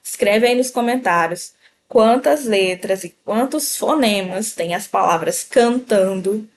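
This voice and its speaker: A woman teaching a Portuguese grammar lesson, slowly pronouncing example words and speaking directly to the viewer. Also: medium pitch, slight background noise. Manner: slow, deliberate pronunciation of example words; explanatory, addresses viewer directly.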